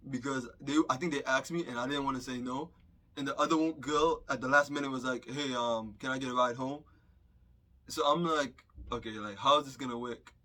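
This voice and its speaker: A man's voice: medium pitch, bright, forceful tone. A young man telling a story in a chatty, slang-filled vlog style. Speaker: vlogger.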